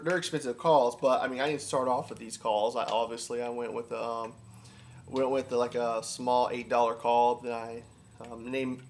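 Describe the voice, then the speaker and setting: A man giving a casual, enthusiastic how-to talk in an informal, repetitive way, as an instructor. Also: mid-range voice. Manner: informal, repetitive, enthusiastic about his subject. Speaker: duck calling instructor.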